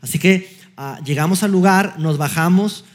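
A middle-aged man with a Mexican accent, preaching a sermon as an animated storyteller who acts out dialogue with light self-mocking humor. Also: sits high, moderate pace.

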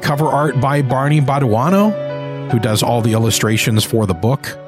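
A man's voice: mid-range voice, lively intonation, normal speed, over music. A man hosting a podcast in a scripted presenter style. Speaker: podcast host and narrator.

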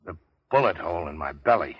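A man's voice: deep voice, lively intonation, fast, husky, no echo, faint music behind. An actor playing a wounded big-shot racketeer, wry and world-weary, with clipped slangy tough-guy talk in a vintage radio crime drama. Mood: bitter, weary. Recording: dull vintage radio recording.

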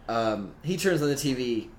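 A man telling a story in casual chat, animated and laughing often. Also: medium pitch, a little hiss or hum.

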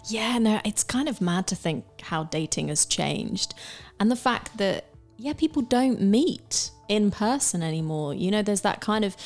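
A woman in her late thirties co-hosting a podcast, musing in a halting way with many restarts and ums. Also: mid-range voice, lively intonation, faint music behind. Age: 30s. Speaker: podcast co-host. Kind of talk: casual chat.

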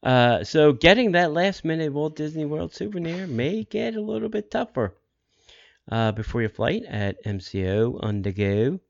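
A man hosting a podcast, making casual announcements in a halting way and repeating details for listeners. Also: on the high side, animated, lo-fi sound. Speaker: podcast host.

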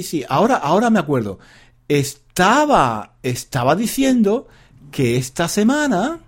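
A man teaching Spanish in a casual, rambling monologue. He speaks straight to his listeners, drifts off topic and laughs at himself when he loses his thread. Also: fairly high pitch. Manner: addresses listeners directly.

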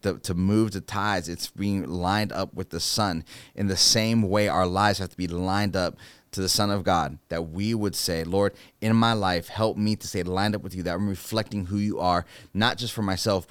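A man's voice: deep voice, smooth, dry recording. A man who is a youth minister, giving an earnest, preacher-like devotional talk on a podcast and often asking "right?".

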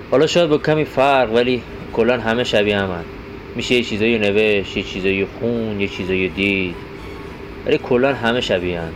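Man with a lowish voice, calm and reflective, clear background noise and hum. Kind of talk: casual reflective talk.

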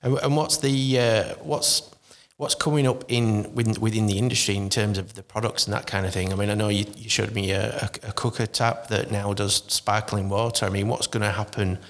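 A man interviews a business owner, asking loose questions that repeat and restart. His voice is fairly low, and a long reverb trails each phrase. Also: fairly even intonation, brisk, few pauses, a bit bright.

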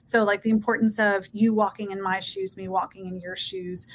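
A Peruvian woman in her thirties speaks earnestly as a guest in a casual interview, often checking in with "right?" Her mid-range voice moves little in pitch and keeps a normal speed.

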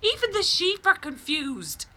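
A woman's voice: extremely high pitch, huge pitch swings, a little slow, bright, forceful tone, exaggerated voice. An actress playing a stubborn, fretful older Irish farm mother who scolds and frets, in a radio comedy. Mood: indignant. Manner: indignant, scolding.

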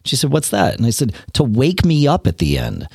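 A man's voice: medium pitch, big pitch swings, fairly quick, gravelly, darkish tone, husky, no room sound, studio quality. A man co-hosting a podcast in casual chat, often repeating words as he starts his sentences. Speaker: podcast co-host.

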